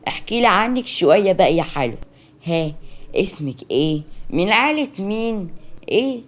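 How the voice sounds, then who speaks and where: A storyteller voicing a bossy, nosy older great-aunt who talks in a sharp, mocking way with an Egyptian accent. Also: female voice, mid-range voice, expressive, normal speed, pitched above the performer's own voice, lightly acted.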